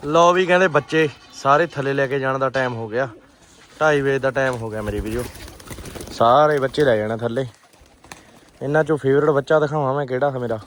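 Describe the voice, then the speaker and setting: A man giving casual, animated vlog commentary, often repeating short phrases. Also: medium pitch, a little fast, a little hiss or hum. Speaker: pigeon keeper and vlogger.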